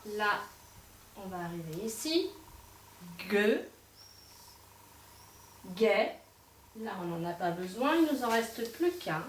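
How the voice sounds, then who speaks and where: A woman teacher giving a dictation to young pupils, pausing between syllables and speaking slowly and clearly. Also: mid-range voice, sing-song. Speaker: primary school teacher. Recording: echoey room, voice from a distance, faint hiss.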